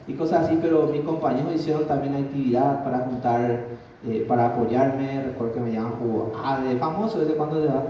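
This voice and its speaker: Earnest man telling his testimony from far off in a booming church hall, slightly high voice, muffled sound. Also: mellow, a little hiss or hum. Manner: earnest, addresses the congregation directly. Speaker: guest giving a testimony. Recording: very echoey hall from far off, dull lo-fi.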